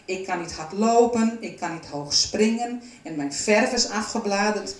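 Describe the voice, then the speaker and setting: A woman's voice: mid-range voice, measured pace, close to an everyday voice. A woman doing a small, anxious wooden boy. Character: small timid wooden boy, unsure of himself. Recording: roomy, from a distance.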